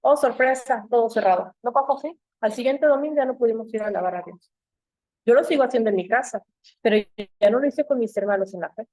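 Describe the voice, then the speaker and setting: A middle-aged woman from Mexico, teaching a church Bible class in a lively storytelling manner and acting out the voices she quotes. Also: on the high side, fast talker, no echo.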